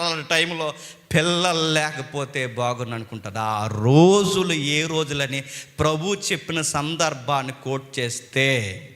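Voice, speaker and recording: Man, pastor, Telugu accent, fervent preaching, high bright voice, long hall reverb. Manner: impassioned preaching with dramatic swings of pitch and loudness. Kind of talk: sermon.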